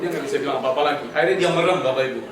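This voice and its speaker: A man's voice: a little high, rapid-fire. A man preaching a humorous sermon at a home gathering, telling stories, addressing the audience directly and leading them in recitation. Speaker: Islamic preacher. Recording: very echoey, distant mic, crowd audible.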